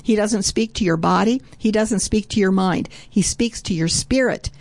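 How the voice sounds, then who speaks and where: A woman's voice: mid-range voice, normal speed, darkish tone, no room sound. A woman preaching a sermon earnestly, often breaking in with "oh" as she speaks.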